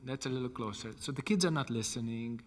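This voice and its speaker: Hungarian guy, monk lecturing in english, middle pitch, lots of hall reverb. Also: fast talker. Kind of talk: lecture with question and answer.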